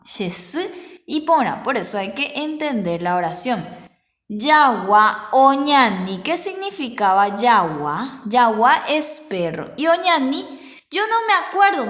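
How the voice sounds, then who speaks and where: A woman's voice: high-pitched, fairly bright tone, roomy sound. A woman teacher gives a patient children's language lesson, repeating words for practice.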